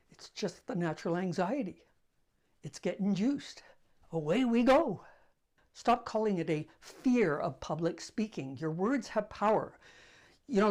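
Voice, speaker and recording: This older man has a soft, high-pitched voice as he hosts a relaxed piece to camera, spinning stories in a chatty manner and poking fun at himself.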